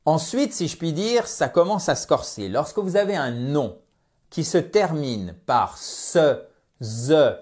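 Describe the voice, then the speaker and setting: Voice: mid-range voice, very animated, takes it slowly, a little mellow. An English teacher giving a beginner grammar lesson, repeating example words and stressing pronunciation, checking in with viewers with a frequent "ok?". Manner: addresses viewers directly with frequent "ok?".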